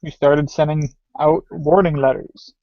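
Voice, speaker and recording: A slightly higher-voiced man chats casually on a podcast and slips in dry, wry remarks. The sound is close and dry, with no room echo. The audio is muffled and lo-fi. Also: little pitch movement, measured pace. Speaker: podcast co-host. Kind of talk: casual chat.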